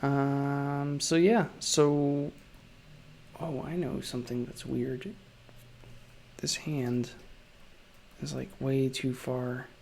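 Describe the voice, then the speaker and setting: Streaming illustrator, male, sore-throated, flat monotone, gravelly and unhurried. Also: medium pitch, slight background noise. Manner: monotone delivery. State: sore throat, resting his voice. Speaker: illustrator live-streaming his drawing. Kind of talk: casual live-stream chat while drawing.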